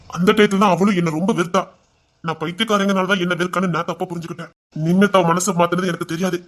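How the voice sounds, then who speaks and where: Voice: mid-range voice, lightly acted. A voice actor playing a young husband who earnestly confesses his past temper in an audio drama. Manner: earnest, confessional, then teasing. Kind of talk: Tamil audio drama acting.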